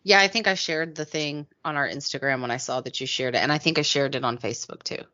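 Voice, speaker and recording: A woman's voice: low-pitched, fast, sharp tone. A woman co-hosting a podcast, chatting casually over a video call and teasing the host. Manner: teasing, laughing banter. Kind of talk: casual chat. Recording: muffled lo-fi video call audio.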